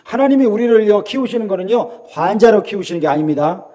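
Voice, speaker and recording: A middle-aged pastor from South Korea preaches with a high, lively voice that leaps up and down in pitch. He swings from ringing calls to soft, hushed asides. He slips into acted-out voices of other people as he makes his points. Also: quick pace. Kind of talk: sermon.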